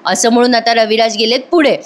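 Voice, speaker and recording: A woman's voice: on the high side, fairly even intonation, fast. A woman giving a casual voice-over review of a TV episode, chatty and often telling listeners to look. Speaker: serial review narrator. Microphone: voice-over recorded separately.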